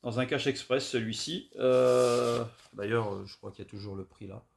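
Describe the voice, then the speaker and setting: A man's voice: medium pitch, fairly even intonation, moderate pace, creaky. A middle-aged man from France chatting casually and hesitantly, with many fillers, about records he found. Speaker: record collector vlogger. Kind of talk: casual haul video chat.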